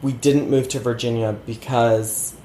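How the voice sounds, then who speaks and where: A man in his thirties talks in a loose, self-deprecating ramble, full of fillers and quick laughs. His voice sits at a middling pitch and carries some room echo, with a faint ambient hiss behind him. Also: steady tone, dark tone. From born in Connecticut, raised in Georgia. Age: 30s. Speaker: interview guest. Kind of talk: casual conversational interview. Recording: roomy sound with faint ambience.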